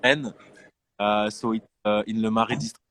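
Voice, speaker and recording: Slow-talking man on a breaking-up call. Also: on the low side, steady tone, fairly bright tone, a little hiss or hum. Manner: halting, hesitant, with filler sounds. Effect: video call audio breaking up. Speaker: guest speaker. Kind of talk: live webinar answer. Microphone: remote video call.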